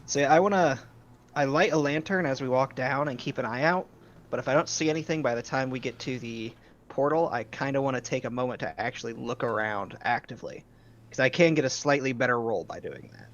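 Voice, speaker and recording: A man's voice: mid-range voice, a little fast. A man talking casually as a tabletop game player, thinking aloud and planning his moves carefully. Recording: dull lo-fi mic with faint hiss.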